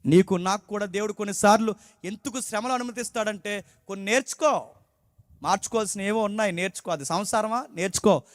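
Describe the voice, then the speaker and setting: A man's voice: high voice, a little fast, dry recording, big-room sound. A man preaching a sermon emphatically, often putting questions to the congregation. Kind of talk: Telugu sermon.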